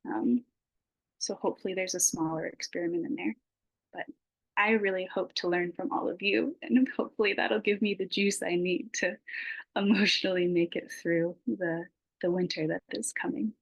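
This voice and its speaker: A woman farmer sharing her experience in an online support circle, reflective and halting, with many fillers, over a video call. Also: lowish voice, steady tone, no echo, poor audio.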